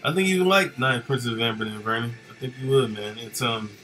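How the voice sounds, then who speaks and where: A man casually chatting with viewers of his live stream while he works, relaxed and rambling with lots of fillers. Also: medium pitch, a little fast, faint music behind.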